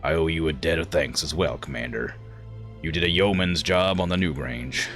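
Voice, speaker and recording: A man voicing a stern, vengeful lord in a video game, formal and measured in speech. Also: very deep voice, fairly bright tone, faint music behind, pitched below the performer's own voice. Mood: grave, grateful. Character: stern, vengeful nobleman, grave and courtly. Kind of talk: reading game dialogue aloud.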